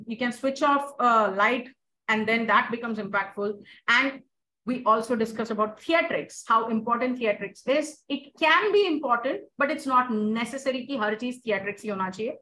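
A woman's voice: on the high side, pushed and bright. A woman with an Indian accent hosting a casual discussion, emphasizing and repeating key points. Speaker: discussion host. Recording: roomy echo with clear background noise.

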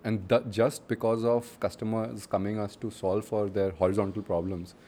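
A man's voice: lowish voice, fairly even intonation, moderate pace, mellow, a little hiss or hum. A man with an Indian accent, a founder answering interview questions in a casual, conversational way. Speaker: startup founder, interview guest.

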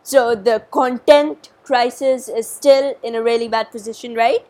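Young woman vlogger, playful chat, slightly high voice. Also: fairly even intonation, unhurried, darkish tone. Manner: chatty, playful, jokey. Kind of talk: casual family vlog.

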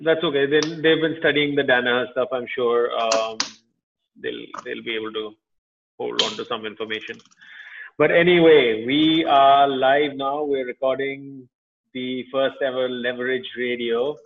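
A man's voice: mid-range voice, steady tone, a little slow, creaky, slight background noise. Indian man hosting over a phone-like line. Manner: informal, friendly slang. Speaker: podcast host interviewing a guest. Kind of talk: casual interview chat. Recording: thin phone-like call audio.

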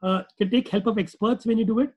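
Male webinar presenter, North Indian accent, high-pitched, informal and repetitive explainer style, slightly muffled recording. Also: fairly even intonation, quick pace, slightly rough. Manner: conversational, repetitive, rhetorical questions. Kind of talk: informal webinar lecture with acted-out client dialogue.

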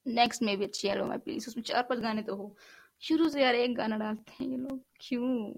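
A woman's voice: a little high, steady tone, fairly quick, creaky. A young woman hosting a podcast, chatting in a rambling, teasing way to her viewers, her voice tired and strained from talking. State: voice tiring, strained. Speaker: podcast host. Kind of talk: casual chat to viewers. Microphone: studio mic.

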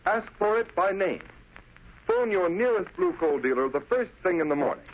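A man's voice: high-pitched, normal speed. An American man announcing a sponsor's advertisement in formal, emphatic 1930s radio style. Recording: dull vintage radio recording.

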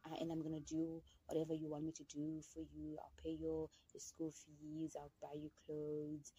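A woman voicing a pushy older man who coaxes a schoolgirl in a low, hushed, wheedling tone. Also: monotone, moderate pace, breathy edge, poor audio. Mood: coaxing.

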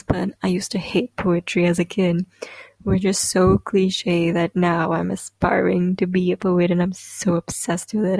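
Husky young Indian-accented woman, evenly pitched. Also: a little mellow, no room sound, rough recording. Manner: earnest, informal, reflective. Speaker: podcast host and aspiring poet. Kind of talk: casual solo podcast talk.

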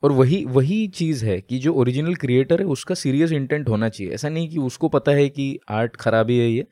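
A man's voice: mid-range voice, fairly quick, warm tone, dry recording, studio quality. A man co-hosting a casual podcast, explaining at length with many fillers and English phrases mixed in. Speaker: podcast co-host. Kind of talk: casual chat.

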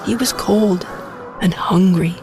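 Slow female children's storybook narrator. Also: on the low side, darkish tone.

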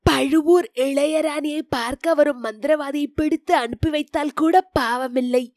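A woman voicing an aging, troubled male emperor in an audiobook of a historical novel, speaking softly and in a measured way. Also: no room sound, studio quality. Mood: weary. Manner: soft and measured, spoken low.

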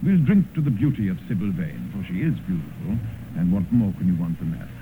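In a muffled, hissy 1950s radio drama broadcast, an actor plays a worldly, cynical English gentleman, an older mentor and corrupter, and also narrates in the first person. His low voice is sing-song and a little fast, and he sounds suave, amused, languid and dismissive, with a drawling, epigrammatic delivery.

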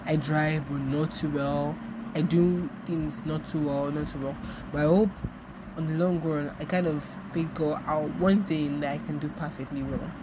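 Casual and reflective, a young Nigerian podcast host talks on her own, wandering from thought to thought and repeating herself frequently. Her Nigerian-accented voice sits low, steady in tone, at a moderate pace over a noisy background.

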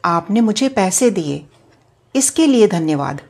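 A woman's voice: mid-range voice, very animated, unhurried, vocal fry, breathy edge, full character voice. Woman voicing a meek timid governess. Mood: humble. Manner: soft, meek, hesitant. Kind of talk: storytelling with acted dialogue.

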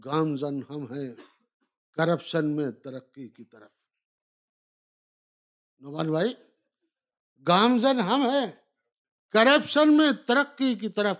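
High-pitched man reciting satirical verse. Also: fairly bright tone. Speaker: humorous Urdu poet performing at a poetry gathering. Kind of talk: live mushaira-style recitation of satirical verse, repeating lines.

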